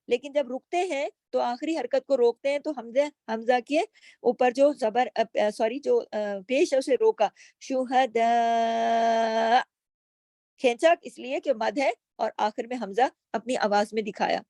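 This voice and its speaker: A woman's voice: on the high side, darkish tone, no room sound. A woman teaching tajweed, patiently explaining each letter and asking herself questions as she goes. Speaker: Quran recitation teacher. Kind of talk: slow tajweed lesson with recited words.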